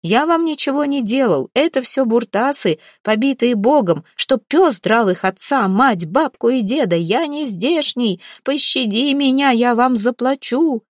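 A desperate middle-aged trader, put on by a woman reading the tale, wails and begs in a raised, drawn-out voice. His pitch leaps about with lively swings. The sound is dry and close, with no room around it. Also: no echo. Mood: terrified pleading. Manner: wailing, begging, drawn-out pleading. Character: panicked foreign merchant man, middle-aged, pleading.

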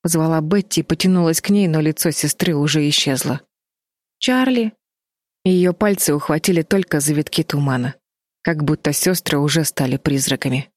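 A woman reading a children's story aloud as narrator, with even storytelling. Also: sits low, fairly quick, no room sound. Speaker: audiobook narrator. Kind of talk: scripted narration.

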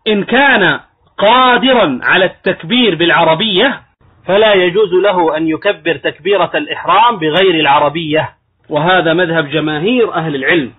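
A man with a high, husky voice gives a religious lecture on law. He explains each point step by step and sometimes acts out mistaken pronunciations. The sound is thin and tinny, like a phone line. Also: a little fast. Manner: explanatory, demonstrates wrong pronunciations. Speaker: Islamic scholar teaching jurisprudence.

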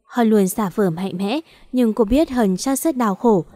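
A woman's voice: on the high side, measured pace, warm tone, dry recording. A woman narrating an audio story in a sorrowful, emotional manner, close to the mic.

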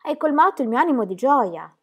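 Woman playing a softhearted male pastor, emotional, somewhat raised voice. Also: high voice, very animated, brisk, husky, pitched above the performer's own voice, exaggerated voice. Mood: tender. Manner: emotional, tender. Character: tender, moved middle-aged male village pastor.

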